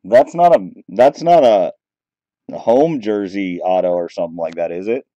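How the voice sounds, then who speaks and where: In a small room, a low-pitched card break host sits off camera at a table, reading out names and teams at a moderate pace as he opens packs in relaxed, chatty commentary. The camera mic sounds muffled but has no echo.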